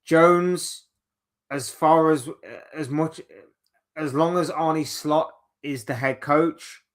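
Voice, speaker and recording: A man's voice: on the high side, fairly even intonation, takes it slowly. A man hosting a casual solo football chat, rambling and opinionated, reeling off players one by one. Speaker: football channel host.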